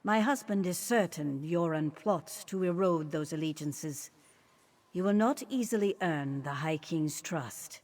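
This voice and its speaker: Queen Gerhild, regal and low-toned. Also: a little mellow. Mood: grave, firm. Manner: formal, regal, deliberate. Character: dignified, measured, politically shrewd fantasy queen. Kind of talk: video game character dialogue.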